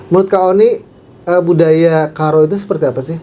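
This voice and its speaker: A man hosting a casual interview, speaking in a measured way with many hesitant fillers and hums. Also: on the high side, fairly even intonation, mellow, a little hiss or hum. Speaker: host.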